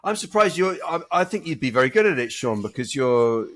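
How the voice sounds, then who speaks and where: A man's voice: medium pitch, big pitch swings, brisk. Rambling man co-hosting a podcast. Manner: rambling, self-mocking, with restarts. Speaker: podcast co-host. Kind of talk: casual chat.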